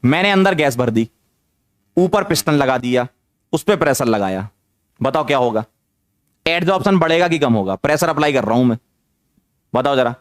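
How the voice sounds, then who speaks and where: A man teaching chemistry in an online lecture, energetic, firing questions at students and repeating phrases to drive points home. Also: medium pitch, normal speed, long pauses, no echo, clean studio sound. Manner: mixes English terms into speech.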